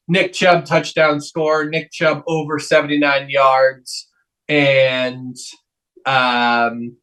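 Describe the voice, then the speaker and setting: A man's voice: on the high side, bright, forceful tone, distant mic, rough recording. A man hosting a casual sports betting chat, speaking hesitantly as he thinks aloud. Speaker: sports betting podcast host.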